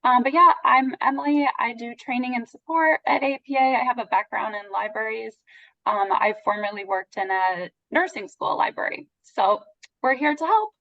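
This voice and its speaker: A woman introducing herself on a video call, joking and slightly hoarse from losing her voice. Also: a little high, moderate pace. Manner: joking, laughing. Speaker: training and support staff. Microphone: video call mic. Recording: dull lo-fi video call audio.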